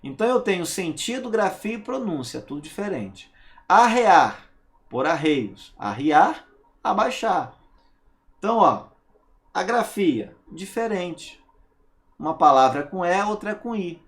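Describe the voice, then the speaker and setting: A man's voice: high-pitched, very animated, normal speed, fairly bright tone. A man teaching a grammar lesson, stressing single words and asking rhetorical questions to check understanding.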